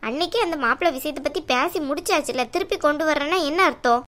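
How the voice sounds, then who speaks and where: A headstrong working young woman in a cartoon, voiced by a woman, speaks high and bright. She argues bluntly and will not give in. Her tone stays firm and quick to push back. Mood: arguing. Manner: argumentative, blunt. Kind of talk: cartoon dialogue.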